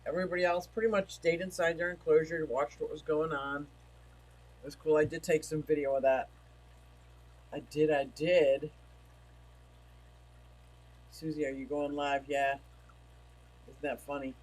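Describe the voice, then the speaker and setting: A man with a slightly high, even voice hosts a casual livestream from home, talking at a measured pace with frequent pauses. He rambles and chats, reading viewer comments aloud, and seems to feel he's losing his voice. The audio quality is poor.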